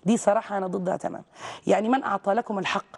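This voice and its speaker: A woman from Saudi Arabia speaks very fast, pressing her points hard in a televised interview. Her voice is mellow and dark in tone, and she talks with emphatic conviction. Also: medium pitch, steady tone, gravelly, husky. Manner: outspoken, rapid and emphatic. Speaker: guest, visual artist. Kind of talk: TV interview conversation.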